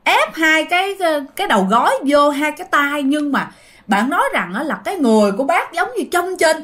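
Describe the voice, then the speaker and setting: A woman's voice: high-pitched, fairly bright tone. A woman telling a ghost story casually, addressing her listeners and acting out scenes.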